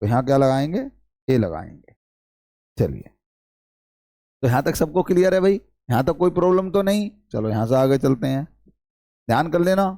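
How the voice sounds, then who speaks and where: A man's voice: medium pitch, sing-song, normal speed, long pauses, mellow, no room sound, clean studio sound. A man teaching an English lesson, quizzing students and repeating key points. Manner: repetitive questioning, addresses students as brother. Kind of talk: classroom-style lesson.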